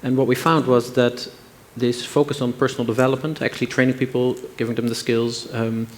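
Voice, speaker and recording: A man's voice: medium pitch, little pitch movement, fairly quick, a little hiss or hum. A male panelist answering a question fluently and earnestly, citing figures. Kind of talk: panel discussion. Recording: reverberant conference hall.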